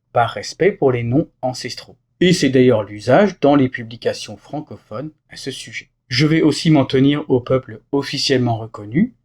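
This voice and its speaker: Husky male French teacher, lively pitch. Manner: clear, didactic explanation with example phrases. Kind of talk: scripted lesson narration.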